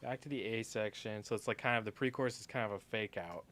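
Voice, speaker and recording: A young man co-hosting a casual live stream while composing music, easygoing and quick to laugh, often repeating words as he restarts. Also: lowish voice. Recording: loud music playing behind the voice.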